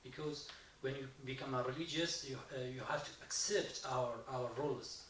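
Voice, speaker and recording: A man from Iraq who is not a native English speaker, asking the panel a halting question from the floor of a university hall. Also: medium pitch, fairly even intonation, a bit bright. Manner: halting, many pauses and restarts. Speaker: audience member asking a question. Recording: echoey hall, far from the mic, faint noise.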